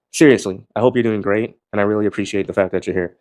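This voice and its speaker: A man vlogging casually to camera about gym shirts, talking in a rambling, laid-back way, swearing now and then, with a voice he calls monotone. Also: fairly low pitch, no echo, clean studio sound. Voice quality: calls his own voice monotone.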